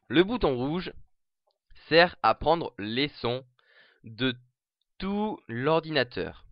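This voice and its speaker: Chatty man walking through software setup. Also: medium pitch, dry recording, lo-fi sound. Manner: chatty, many fillers and restarts. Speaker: software tutorial presenter. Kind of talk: casual screen-recorded tutorial.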